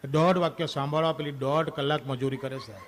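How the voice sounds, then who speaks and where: A man performing a stand-up comedy monologue on stage, telling animated stories and acting out quoted lines from a wife and a husband, with English phrases mixed in. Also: a little high, brisk, a little hiss or hum. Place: stage before a live audience.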